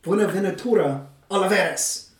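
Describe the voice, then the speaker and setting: A man's voice: high-pitched, a little slow. A man hosting a podcast, mixing semi-scripted narration with casual, playful banter and a theatrical turn of phrase. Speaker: podcast host. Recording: roomy echo, distant microphone.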